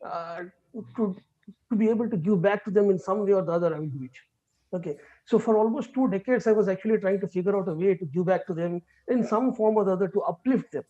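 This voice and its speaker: Fast-talking man lecturing online. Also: sits high, mellow. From India. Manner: fast, earnest, many fillers and restarts. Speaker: guest speaker. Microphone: video call. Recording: dull lo-fi video call audio.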